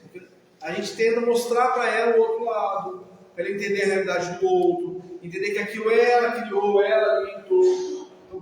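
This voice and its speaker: A man with a Brazilian accent gives a didactic talk on the mind. His voice sits high for a man and he keeps asking his listeners short checking questions. He is picked up from a distance in a big, very echoey hall with a long tail of reverb and faint background noise. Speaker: mental health professional. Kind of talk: lecture to an audience.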